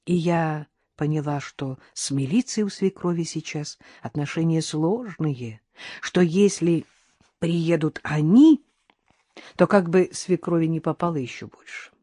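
Woman narrating an audiobook with lively irony. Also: low-pitched, a little slow, no room sound, clean studio sound. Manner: lively, ironic storytelling. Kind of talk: first-person audiobook narration.

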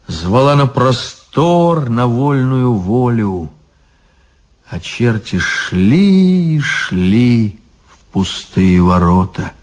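A man narrating a folk tale as an audiobook reading, in slow and expressive storytelling. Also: medium pitch.

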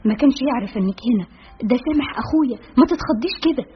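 A woman with an Egyptian accent voicing a bossy, chatty young woman friend who banters rapidly. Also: high voice, lively intonation, breathy edge, voice pushed up, heavily acted. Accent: Egyptian Arabic. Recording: dull lo-fi with faint music.

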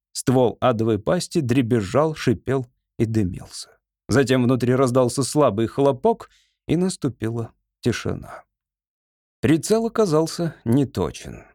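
A man reading an audiobook as narrator in an even, measured way. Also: mid-range voice, no room sound, studio quality. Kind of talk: scripted narration.

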